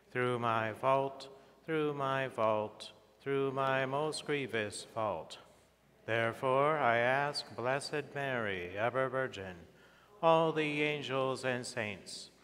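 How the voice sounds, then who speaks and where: A priest reciting the prayers of Mass in a slow, measured, solemn way, his voice ringing with the long echo of a church. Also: medium pitch, fairly bright tone. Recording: long echoing church reverb.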